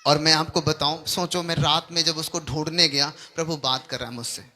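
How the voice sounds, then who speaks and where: Man, pastor, sermon, emphatic, high-pitched, very bright voice. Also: fairly even intonation, brisk. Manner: emphatic, repeatedly asks the congregation if they understand.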